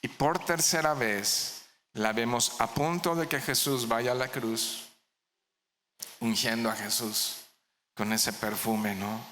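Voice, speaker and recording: Bright-voiced pastor preaching in a hall. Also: male voice, medium pitch, takes it slowly, a little hiss or hum. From Mexico. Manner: asks the congregation questions, answers them himself. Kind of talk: verse-by-verse sermon. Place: church hall.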